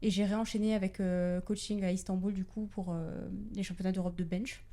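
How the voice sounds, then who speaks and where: Young adult woman, soft dark timbre, medium pitch, casual podcast chat, hesitant informal phrasing. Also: flat delivery, a little fast. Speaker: podcast guest, powerlifting coach and athlete.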